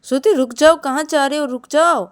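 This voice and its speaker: A woman's voice: mid-range voice, steady tone, unhurried, warm tone, no echo, clean studio sound, close to an everyday voice. A woman voicing a worried young woman who pleads with and reproaches her partner in a storybook. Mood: calling out.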